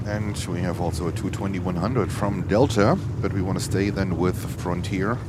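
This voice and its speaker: A man's voice: deep voice, steady tone, normal speed. A man hosting a live stream with chatty, casual commentary on airport traffic, greeting viewers by name. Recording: loud wind and airport ambience noise. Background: loud outdoor ambience noise.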